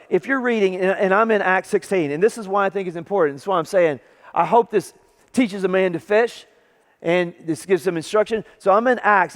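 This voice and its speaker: A Southern pastor with a high, bright voice preaches in a casual, conversational way, swinging into dramatic scripture readings. His voice carries a long reverb, as in a large church sanctuary. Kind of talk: sermon.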